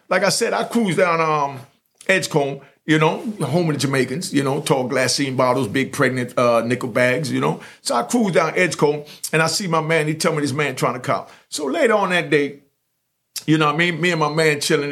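Here a New York storyteller host spins a long street story in relaxed chat, meandering with frequent fillers and restarts. His voice sits a little high and sounds a bit bright.

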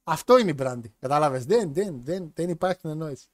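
A man with a slightly high voice hosts a loose, chatty show. He jokes crudely and slips into other people's voices to act out his stories. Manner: animated, crude joking, mimics voices. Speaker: podcast host. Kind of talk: casual chat with live chat.

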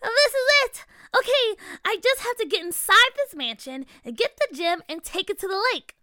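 A woman's voice: very high voice, animated, normal speed, sharp tone, no room sound, clean studio sound, pitched above the performer's own voice, exaggerated voice. A woman voicing a tiny, flustered female fairy queen who frets and squeals. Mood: fretful. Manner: fretful, squealing exclamations.

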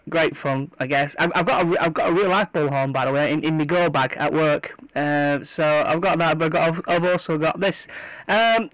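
A man's voice: on the high side, fairly bright tone, dry recording, low-quality recording. A man hosting a casual podcast, rambling and repeating words, his voice run through a megaphone effect from a tablet app. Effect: megaphone voice filter from a tablet app. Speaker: podcast host.

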